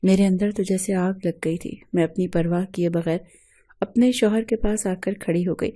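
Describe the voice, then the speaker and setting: A woman's voice: on the low side, steady tone, dark tone. A woman storyteller narrating a dramatic first-person story with emotion.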